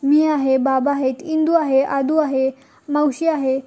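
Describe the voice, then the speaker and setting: An earnest young village man, protective of his sister, pressing his point in a high, level, mellow voice, as a woman reads his lines. He keeps urging and reassuring throughout. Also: level tone, unhurried. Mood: pleading.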